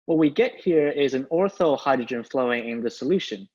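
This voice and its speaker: A man's voice: medium pitch, lively intonation, a little fast, darkish tone, breathy edge. A young man, an undergraduate, giving a formal, methodical scientific presentation over a video call. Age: young adult. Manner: formal, methodical, signposting each point. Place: indoor room, on a video call. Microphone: video call microphone. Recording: dull video-call audio.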